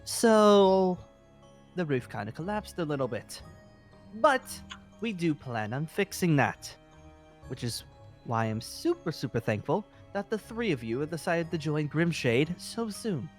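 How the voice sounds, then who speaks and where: Over background music, a man performs improvised Minecraft roleplay as a fantasy guild leader who is eager, earnest, and apologetic. His voice runs on the high side with big pitch swings, and he speaks a little slowly, hesitating and rambling.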